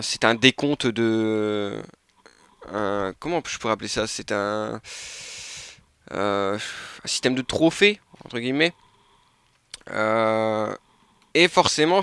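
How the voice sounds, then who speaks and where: A man with a bright, crisp voice reviews a replica in a relaxed, chatty way. He hesitates often, restarting phrases and filling pauses. The sound is close and dry, with no room around it. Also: mid-range voice, dry recording. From France. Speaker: airsoft reviewer. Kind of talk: casual product review talk.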